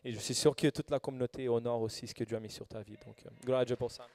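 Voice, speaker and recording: A man from Brazil with a Brazilian Portuguese accent preaching a sermon. He reads scripture and tells personal stories in an animated, self-deprecating way, with many fillers and restarts. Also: mid-range voice, fast, a little hiss or hum. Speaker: guest preacher. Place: church service before a live congregation.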